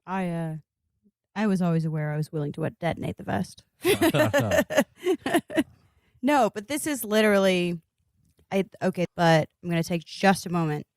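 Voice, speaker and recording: A woman's voice: fairly low pitch, sing-song, moderate pace, long pauses, no room sound. A woman from Indiana telling a candid, profane story as a podcast guest, laughing as she goes. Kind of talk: casual podcast chat.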